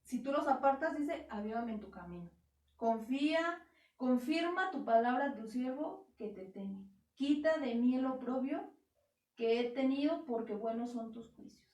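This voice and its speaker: High-pitched woman preaching in an echoey church. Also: lively intonation, a little slow, darkish tone. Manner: earnest, emphatic teaching, quotes scripture aloud. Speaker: pastor. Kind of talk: sermon. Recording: echoey church hall, heard from a distance.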